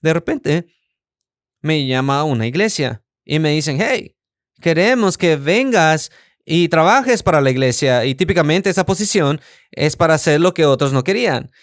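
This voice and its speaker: A man preaches a sermon from his own life, his voice fairly high and smooth, with a resonant ring to it. He tells the story in an animated way and acts out the quotes. The sound is close and dry. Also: moderate pace, no echo. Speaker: pastor. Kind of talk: sermon with personal testimony. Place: church.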